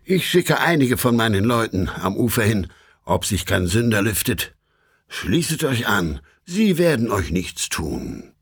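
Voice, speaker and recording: A man voicing a scheming male devil captain who barks commands at his troop in a storybook reading, with a husky voice. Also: on the low side, sing-song, a little slow, no echo, clean studio sound, exaggerated voice. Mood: commanding. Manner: barking orders.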